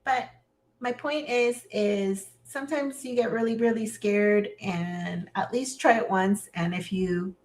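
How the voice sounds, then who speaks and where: A woman's voice: medium pitch, unhurried. A woman co-hosting a casual live stream, chatting easily and laughing often. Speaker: co-host.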